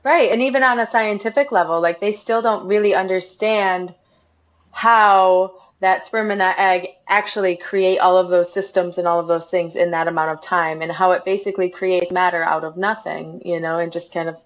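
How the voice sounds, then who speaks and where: A chatty woman hosting a podcast interview, her voice carried on a dull, slightly lo-fi recording. She talks loosely and warmly engaged, peppering her thoughts with fillers as she riffs on a topic. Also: lowish voice, fairly even intonation, normal speed. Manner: chatty, many fillers like "you know". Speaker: podcast host. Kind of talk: casual interview chat.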